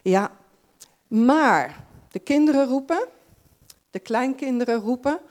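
A woman's voice: high-pitched, lively intonation, slow pace, a little mellow. A woman giving a chatty farewell address at a church service, full of fillers and restarts.

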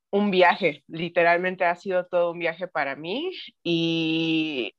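A woman's voice: lowish voice, smooth. A woman, a podcast guest talking casually and unhurriedly, with many fillers and some English words mixed in. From Mexico City, raised in Tennessee. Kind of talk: casual chat. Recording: dull lo-fi sound.

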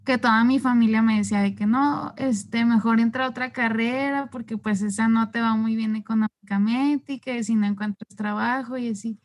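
A woman's voice: a little high, fairly even intonation, moderate pace, hardly any pauses. A young woman, a psychology student asking a question on a video call in a chatty, rambling way.

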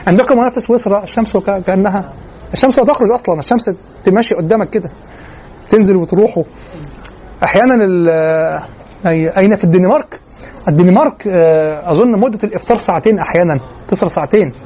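A man teaching a lesson on classical poetry, explaining verses line by line and reciting them slowly. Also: sits high, a little mellow. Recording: dull lo-fi recording with faint noise.

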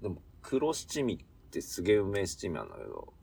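Gravelly low-voiced man, Tohoku dialect. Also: huge pitch swings, fast, a little mellow. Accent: Tohoku Japanese. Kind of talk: casual chat.

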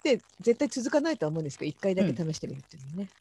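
A woman's voice: on the low side, big pitch swings, very fast, dark tone, slightly rough. A woman in her forties co-hosting a casual chat podcast, chatty and laughing. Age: 40s. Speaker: podcast co-host.

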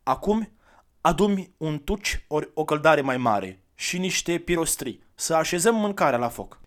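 A man voicing a gentle, weary traveler who is kind and coaxing, in a soft, slightly lifted voice. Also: fairly high pitch, very animated, pitched above the performer's own voice.

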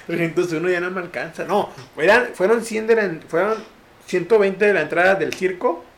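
A man's voice: sits high, brisk. A young man, telling a story in casual podcast chat, full of slang and acted-out quotes. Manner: slangy, animated, acts out quotes in raised voices. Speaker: podcast host.

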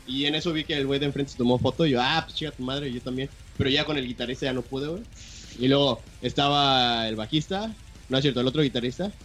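A young man with a Mexican accent telling a story to friends in casual, slangy chat, excited and swearing freely. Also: medium pitch. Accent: Mexican Spanish.

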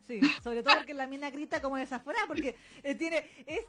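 A woman's voice: sits high, fast talker, crowd noise. A young Chilean woman co-hosting a podcast in casual chat, slangy and laughing often, acting out lines in silly voices. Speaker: podcast co-host.

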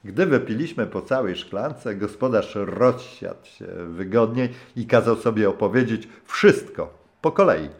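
A man reading a travel memoir as an audiobook, in calm, measured narration. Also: fairly low pitch. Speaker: audiobook reader. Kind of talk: scripted narration.

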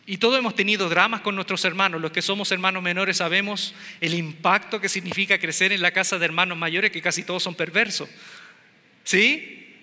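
A man's voice: sits high, fairly even intonation, fairly quick, pushed and bright. A man preaching a sermon in a humorous, conversational way, asking the congregation questions. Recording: echoey hall.

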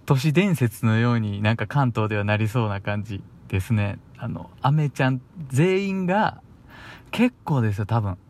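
A man's voice: fairly low pitch, animated, moderate pace, a little mellow. A young man with a Kansai accent chatting alone on the radio in a casual, rambling way, sounding a little bashful and chuckling between thoughts. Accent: Kansai Japanese. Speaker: radio host. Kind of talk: casual solo radio talk.

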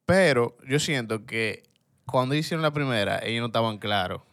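A man's voice: mid-range voice, lively intonation, moderate pace, fairly bright tone. A man with a Dominican accent hosting a casual film podcast, talking in slangy, colloquial speech sprinkled with English words. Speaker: podcast host.

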